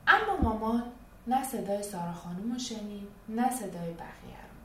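A woman narrating a children's storybook in a soft, expressive way. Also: medium pitch, a little hiss or hum. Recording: echoey room, distant, faint music.

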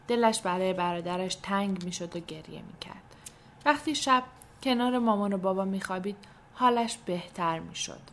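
A woman reading a children's storybook aloud in a soft, gentle way, sometimes dropping almost to a whisper. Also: mid-range voice, slight background noise. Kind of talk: scripted storybook narration.

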